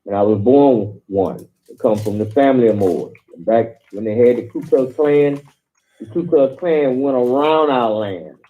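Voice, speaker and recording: Rambling male caller on a phone line. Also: mid-range voice. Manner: rambling storyteller, halting with fillers. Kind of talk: phone-in talk.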